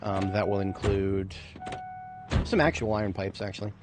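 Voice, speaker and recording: Low-voiced man, rambling game commentary. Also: steady tone, normal speed, noisy background. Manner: rambling, playful, self-mocking. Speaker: game streamer. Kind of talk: casual let's-play commentary.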